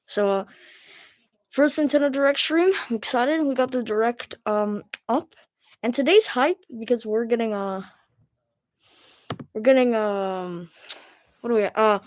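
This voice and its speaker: A woman's voice: fairly high pitch, no room sound. A woman hosting a casual live reaction stream, speaking informally and a little muffled through a face mask. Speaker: livestream host.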